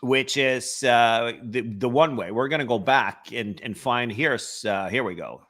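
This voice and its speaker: A man's voice: medium pitch, unhurried, fairly bright tone. A man from Norway with a Norwegian accent, hosting a casual travel webcast with many hesitations and fillers. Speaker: host.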